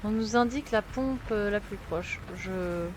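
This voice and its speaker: A woman's voice: medium pitch, unhurried, slight background noise. A young French woman with a French accent, chatting and muttering to herself as she streams a game. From France. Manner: chatty, self-mocking, muttering to herself while playing. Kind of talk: casual gameplay commentary. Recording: game music playing behind.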